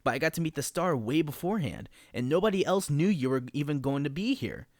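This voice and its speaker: A man voicing an excitable, obsessed male fan who talks in an eager, insistent way with a rising pitch. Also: fairly quick, no echo, clean studio sound. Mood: excited.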